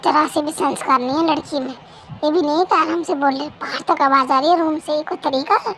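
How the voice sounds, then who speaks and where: A woman reading a fan story plays a stern middle-aged mother-in-law, sharp-tongued and scolding, in a very high voice. She nags about proper behaviour, a homemade storybook figure. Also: steady tone, brisk, slight background noise.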